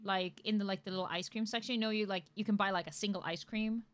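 A woman streamer chatting casually while gaming, excitable and swearing casually. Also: mid-range voice, fast.

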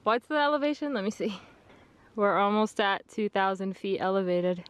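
A woman's voice: mid-range voice, lively intonation, moderate pace, clean tone. A young woman in her twenties, chatty and upbeat, laughing often, filming a hiking vlog with a handheld camera outdoors. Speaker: vlogger. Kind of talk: casual vlog narration. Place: outdoors on a forest mountain trail. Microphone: handheld camera at arm's length.

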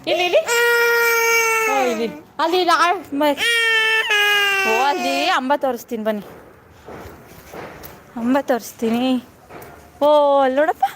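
A young woman with a high, expressive voice speaks at a measured pace with frequent pauses, filming a casual live vlog on her phone while soothing a fussy toddler in sing-song baby talk. She's outdoors at a house under construction. The recording is noisy, with a crying child, animals, and work sounds in the background.

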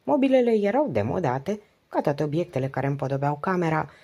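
A woman reads an audiobook in a steady, measured way. Her voice sits low and mellow. It has a husky texture. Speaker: audiobook narrator. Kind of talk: scripted narration.

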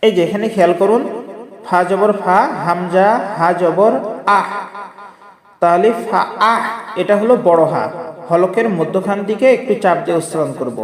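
High-voiced man chanting prayer lessons. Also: roomy sound, long reverb tail. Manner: chants each word slowly, then explains pronunciation rules quickly. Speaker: Quran recitation teacher. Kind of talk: word-by-word recitation lesson.

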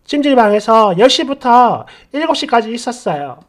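A man's voice: very high-pitched, big pitch swings, normal speed. A man reading a submitted story aloud in first person, narrating it live as he sorts out the text.

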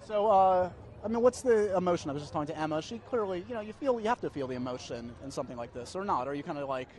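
Fast-talking American male red carpet reporter. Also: high voice, lively intonation, darkish tone. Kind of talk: live celebrity interview. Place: outdoor red carpet at a premiere. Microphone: handheld reporter microphone. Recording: busy outdoor crowd noise.

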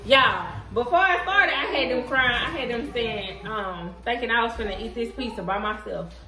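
A lively, playful mother with hosts a casual family vlog, her voice pitched high and bright. She coaxes and teases her kids between bites. The sound bounces around an echoey room at home. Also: normal speed.

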